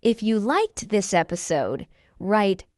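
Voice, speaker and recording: Very slow, animated woman teaching English. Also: medium pitch, dry recording, studio quality. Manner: clear, careful drilling, repeats each phrase. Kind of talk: slow scripted language lesson.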